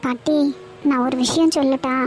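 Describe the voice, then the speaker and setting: A woman's voice: high voice, fairly even intonation, moderate pace, a little mellow, soft background music, lightly acted. A woman voicing a remorseful young college girl in a cartoon, who pleads and apologizes. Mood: pleading.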